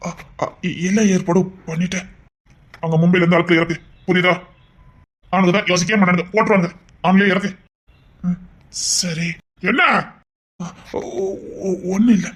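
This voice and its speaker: A man's voice: high voice, flat delivery, moderate pace, long pauses. A man in a Tamil drama playing the head of a household who scolds and gives orders. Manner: scolding, domineering. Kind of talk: Tamil serial-style drama acting.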